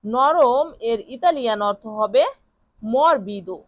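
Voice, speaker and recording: A woman with a high voice teaches vocabulary at an unhurried pace. She repeats every word several times, spells words out letter by letter, and answers her own questions. The sound is dry and close, with no room echo. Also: muffled recording. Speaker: language teacher. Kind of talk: slow vocabulary lesson with repetition.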